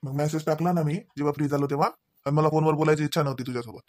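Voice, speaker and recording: A man's voice: on the high side, fairly even intonation, darkish tone, no echo, natural voice. A man voicing a scolding cartoon husband. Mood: stern. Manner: nagging, lecturing, rapid scolding. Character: scolding husband Ravi, grown man, short-tempered. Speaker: voice actor. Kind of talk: cartoon voice acting.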